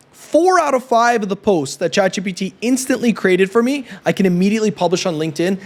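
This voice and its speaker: A man in his thirties from Canada giving an emphatic, persuasive coaching talk to camera. He keeps checking in with a quick "right?". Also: sits high. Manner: emphatic and persuasive, often adds a questioning "right?". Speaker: YouTube business coach.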